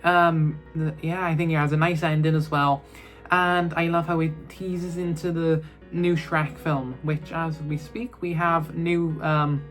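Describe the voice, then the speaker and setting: A man reviewing films in a casual, rambling chat, full of fillers and restarts. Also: fairly high pitch. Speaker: film reviewer.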